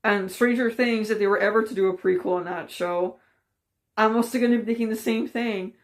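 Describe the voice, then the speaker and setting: A woman talks straight to her viewers in a loose, unscripted opinion piece. She rambles and restarts, sounding frustrated. Her voice sits at an ordinary middle pitch. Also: fairly even intonation, fairly quick. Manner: ranting, frustrated, rambling with fillers. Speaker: vlogger. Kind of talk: casual opinion commentary.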